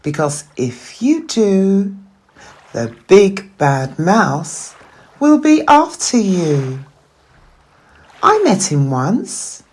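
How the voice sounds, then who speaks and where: A big father monster from a children's tale, acted by a woman. He warns in a very slow, storytelling way, with dramatic swings of pitch. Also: sing-song, darkish tone, slightly rough, heavily acted. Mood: warning. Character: cautionary Gruffalo father, big male monster.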